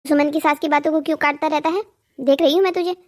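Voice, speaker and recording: A voice actor playing a gentle, worried mother in a cartoon story, speaking softly to calm her son. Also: sits high, fast talker, natural voice. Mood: pleading. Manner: soft, calming, pleading.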